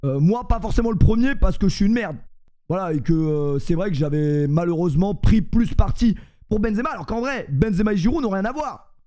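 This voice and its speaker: A man's voice: sits high, animated, fairly quick, mellow. A young man with a French accent, chatting casually on a stream, joking, rambling and mocking himself.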